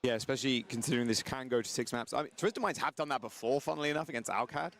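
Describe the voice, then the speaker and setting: A man's voice: medium pitch, a bit bright. A man giving color commentary on an esports match in a casual, joking manner. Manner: casual, laid-back and quick with jokes. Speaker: esports co-caster.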